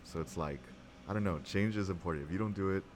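A man's voice: sits low, fast talker, music in the background. A young man, a podcast guest, chatting casually in a reflective, slangy way. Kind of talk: casual chat. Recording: clearly noisy background.

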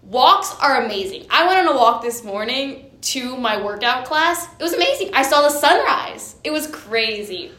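Bright, upbeat young woman in echoey room. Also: high-pitched, big pitch swings, moderate pace, hardly any pauses. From Honduras. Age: young adult. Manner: upbeat, playful and teasing, laughs easily. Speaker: podcast co-host, student community leader. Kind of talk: casual podcast chat.

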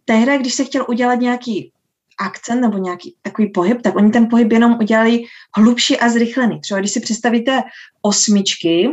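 Dance teacher, woman, mid-pitched, measured and thoughtful, on a dull lo-fi recording. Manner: unhurried, thoughtful, frequent filler sounds. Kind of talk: interview answers. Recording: dull lo-fi sound.

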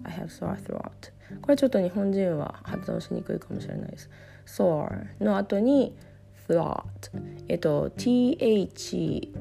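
A Japanese woman giving a relaxed English lesson while getting over a cough, with a hoarse voice and lots of fillers. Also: low voice. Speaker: English teacher. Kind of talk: casual spoken lesson. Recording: guitar music playing behind.

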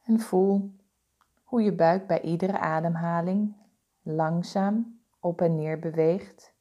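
A woman with a mellow, low-pitched voice acts as a meditation guide for a body scan. Her delivery is very slow, calm, and even, with every instruction given soothingly.

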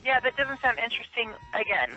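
A woman's voice: a little high, lively intonation, brisk, bright, forceful tone, faint music behind. A woman heard over a phone on speakerphone, answering a call in a curt, dismissive way. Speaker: escort taking a prank call. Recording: muffled speakerphone line.

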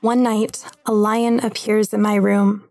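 Woman spoken-word storyteller, unhurried, gravelly, light music behind. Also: mid-range voice, little pitch movement.

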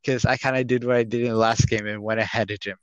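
A man co-hosting a casual podcast about a video game, chatting in an excitable fan way. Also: lowish voice, fast, smooth, no room sound, dull audio. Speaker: podcast co-host.

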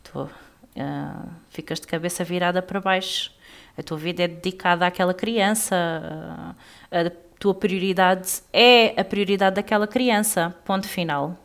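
A woman's voice: on the low side, a little slow, creaky. A woman in her thirties with a European Portuguese accent, chatting casually with a friend as a podcast co-host. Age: 30s. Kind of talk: casual chat between friends.

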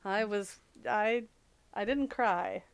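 A woman's voice: medium pitch, slow pace, vocal fry, smooth, no echo. A woman co-hosting a movie podcast, chatting informally with hesitant phrasing. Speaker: podcast co-host. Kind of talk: casual movie podcast chat.

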